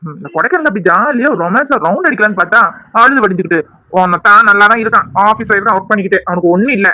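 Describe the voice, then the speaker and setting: A man's voice: sits high, rapid-fire, bright, forceful tone, dry recording, rough recording. A man voicing a young man in a cartoon, a spurned ex-lover who is mocking, sarcastic and scheming. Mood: dismissive.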